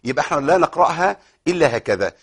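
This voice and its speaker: A man with an Egyptian accent teaching Quran recitation rules on a broadcast program, explaining in an informal way and reciting verses slowly. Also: a little high, expressive, husky. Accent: Egyptian Arabic. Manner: explanatory, asks and answers his own questions, recites verses slowly; many fillers and repeated words. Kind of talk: tajweed lesson on a broadcast program.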